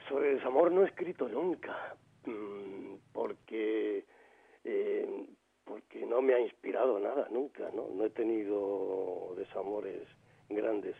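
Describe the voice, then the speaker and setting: Over a phone line on a radio show, a Granada poet in his sixties speaks slowly in a lowish, creaky voice with a breathy edge. He reflects aloud, full of fillers and restarts, a man from Granada, Spain, calling in as a guest.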